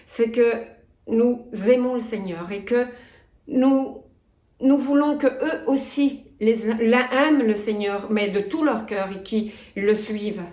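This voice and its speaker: A woman in her fifties with a Belgian French accent, preaching a sermon in an earnest, measured way and reading scripture aloud. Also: fairly high pitch, a little mellow, echoey room. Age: 50s. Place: church.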